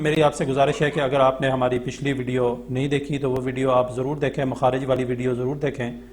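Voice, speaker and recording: A Pakistani man teaching Quran reading, spelling words out syllable by syllable in a slow chant and then explaining the rules quickly in Urdu-accented speech. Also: mid-range voice.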